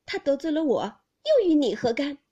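A woman reading a classic novel aloud, voicing a sharp-tongued, touchy young noblewoman whose reproaches climb high. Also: expressive, a little slow, muffled recording. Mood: reproachful. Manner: reproachful, pitch climbs steeply.

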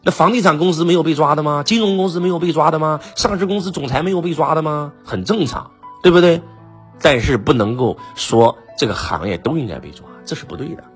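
A man's voice: fairly high pitch, animated, quick pace, faint music behind. A man giving a motivational lecture as a business trainer, speaking with emphasis, firing off rhetorical questions and often asking the listeners "right?".

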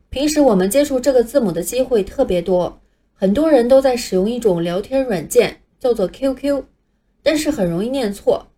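A woman's voice: fairly high pitch, warm tone. Patient woman teaching English letters. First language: Chinese. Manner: patient, clear, modeling pronunciation for learners to repeat. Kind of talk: scripted teaching narration.

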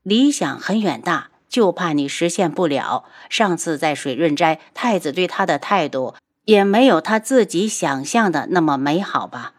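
A woman narrating a web novel audiobook in an expressive, storytelling way. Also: normal speed, few pauses. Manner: animated storytelling with wide pitch swings.

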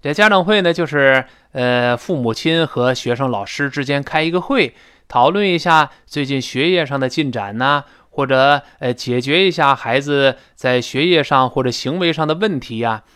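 A man's voice: medium pitch, normal speed, fairly bright tone, clear, resonant tone. A man teaching English pronunciation in a recorded audio lesson. He explains intonation and demonstrates the sounds as he goes.

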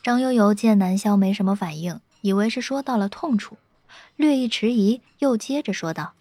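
A woman narrating a web novel in a steady, lightly playful storytelling tone. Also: medium pitch, moderate pace, dry recording. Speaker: audiobook narrator.

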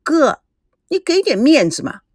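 A woman's voice: high-pitched, big pitch swings, a little slow, darkish tone, no echo, clean studio sound, voice pushed up. A woman voicing a cocky, clever teenage girl in an audiobook, talking in a coaxing, know-it-all way. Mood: pleading. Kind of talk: audiobook character voice.

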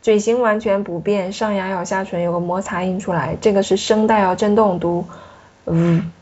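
A woman teaching French pronunciation in a classroom, her voice a little husky and breathy. She keeps asking her student questions and patiently walks through each sound. The recording is dull and lo-fi. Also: medium pitch, fairly even intonation, fairly quick, darkish tone.

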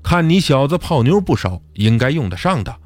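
A man's voice: mid-range voice, sing-song, fairly quick, a little mellow, no room sound. A man voicing a sly, sarcastic male amulet dealer with needling, jealous teasing in an audiobook.

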